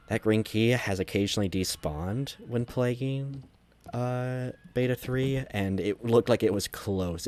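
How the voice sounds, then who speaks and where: A man's voice: on the low side, a little mellow, slight background noise. A man casually talking through a game walkthrough, rambling and correcting himself as he goes. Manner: rambling, self-correcting, conversational. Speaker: gameplay commentator.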